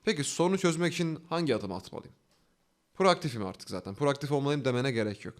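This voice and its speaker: A man's voice: mid-range voice, animated. A man teaching a self-development lesson, walking through steps by asking himself questions and answering them, with an earnest, coaxing delivery. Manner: fast, earnest, coaxing delivery with rising emphasis. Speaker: online self-development instructor. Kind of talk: instructional talk.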